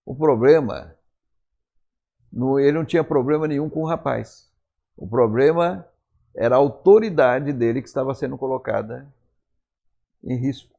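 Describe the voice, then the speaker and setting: Gravelly-voiced Brazilian preacher telling stories. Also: male voice, mid-range voice, normal speed, pauses often, dark tone, muffled recording. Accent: Brazilian Portuguese. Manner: conversational, acts out quoted dialogue. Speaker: pastor. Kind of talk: storytelling sermon. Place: church.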